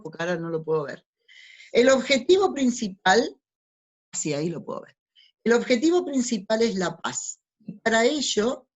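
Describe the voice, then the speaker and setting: A woman gives a lecture with slides as a spiritual teacher. She teaches didactically, asks rhetorical questions and answers them herself, and often adds tag questions. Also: mid-range voice.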